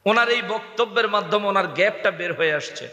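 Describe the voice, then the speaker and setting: High bright-voiced man preaching, shouting. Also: fairly quick. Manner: rousing, rhetorical questions to the crowd, bursts into shouting. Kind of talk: Bangla waz sermon. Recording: echoey hall sound.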